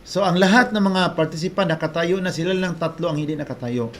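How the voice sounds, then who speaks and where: A fairly high-voiced man preaches a testimony in an earnest storytelling voice. He often breaks off and restarts mid-phrase. A faint hiss sits behind his voice. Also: quick pace.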